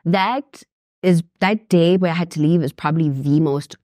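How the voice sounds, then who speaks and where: A woman's voice: low-pitched, moderate pace, warm tone, no room sound, clean studio sound. A woman guest telling a painful personal story in a heartfelt way. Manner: heartfelt, reliving painful memories.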